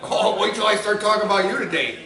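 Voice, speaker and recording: A man doing crude live roast banter at a wrestling event, mocking people and often laughing or shouting. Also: high voice, lively intonation, fast talker. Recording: archive clip with a loud crowd. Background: loud crowd.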